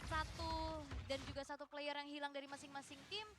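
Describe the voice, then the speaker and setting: A woman's voice: high voice, level tone, fairly quick, music in the background. A woman working as co-commentator, analysing a live esports match.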